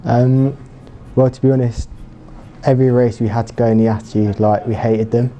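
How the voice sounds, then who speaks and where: A man's voice: medium pitch, little pitch movement, normal speed, dark tone, slight background noise. A young man in his late teens answering interview questions in a loose, chatty way. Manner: loose, chatty, many fillers. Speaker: junior rowing crew member.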